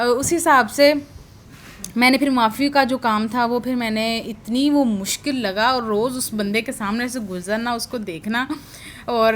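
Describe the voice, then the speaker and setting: A woman with a notably high voice shares a personal testimony in a prayer session. She rambles and hesitates, often restarting sentences as she recalls her office work. A faint hiss sits under her voice. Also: a bit bright.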